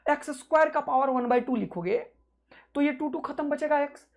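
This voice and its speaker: A male physics teacher giving an exam-prep lecture, energetic and rousing, repeating key points to his students. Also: very high-pitched, brisk, gravelly.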